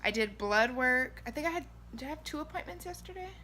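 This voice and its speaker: A woman's voice: sits high, expressive, fast, pushed and bright, a little hiss or hum. A woman vlogger chatting casually and informally, rambling along and questioning herself as she talks. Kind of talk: casual chat to camera.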